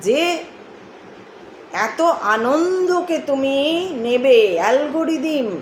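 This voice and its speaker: A woman giving a spiritual talk, musing slowly and breaking into song. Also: a little high, echoey room, a little hiss or hum, low-quality recording. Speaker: host.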